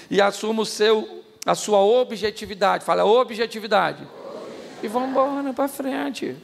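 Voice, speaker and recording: A Brazilian man preaching a sermon as pastor, animated and joking, shouting out the lines he acts out. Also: high-pitched, creaky, slight background noise. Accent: Brazilian Portuguese. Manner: animated, jokey, shouts acted-out quotes. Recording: reverberant hall, faint ambience.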